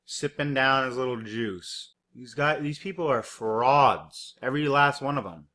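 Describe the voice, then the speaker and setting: A man's voice: medium pitch, unhurried, bright, forceful tone. A man doing a mocking, rambling reaction commentary over news clips, cursing and heavy on fillers. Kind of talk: profane sarcastic reaction commentary.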